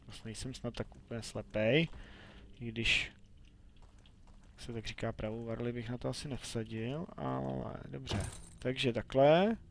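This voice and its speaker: Gravelly-voiced young male gamer, self-talking, playful let's-play commentary. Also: medium pitch, steady tone, a little hiss or hum. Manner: chatty, talks to himself and the game, playful outbursts. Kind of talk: casual gameplay commentary.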